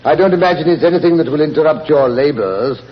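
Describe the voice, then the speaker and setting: An actor playing a genial, fussy older English doctor who narrates and bickers in 1940s radio drama style. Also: male voice, on the high side, expressive, fast. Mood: indignant, defensive. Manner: avuncular, fussy, indignant when teased. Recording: muffled, noisy old 1940s radio recording.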